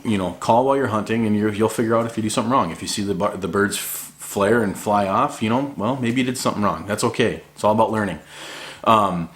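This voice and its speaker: In this informal instructional talk, a man who hunts as a hobby shows how to call ducks and encourages the listener in a relaxed, chatty manner. His voice is on the low side with a fairly bright tone.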